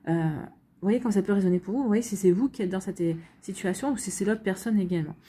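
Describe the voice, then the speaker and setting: Her mid-range voice is mellow with a breathy edge, and she talks fast. She's a tarot and astrology reader offering a weekly guidance reading, chatting straight to viewers hesitantly, full of fillers and repetitions.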